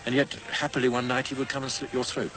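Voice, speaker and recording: A man's voice: medium pitch, flat delivery, fast talker, a bit bright, soft background music, low-quality recording. A man speaking earnestly in an interview, stressing his disbelief at the past. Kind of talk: interview recollection.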